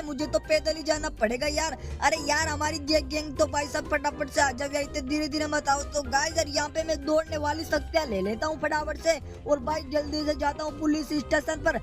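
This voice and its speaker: A man giving excited, hurried gameplay commentary while playing his own character. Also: extremely high pitch. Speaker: gaming channel host. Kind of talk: gameplay commentary role-play. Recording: loud background game music.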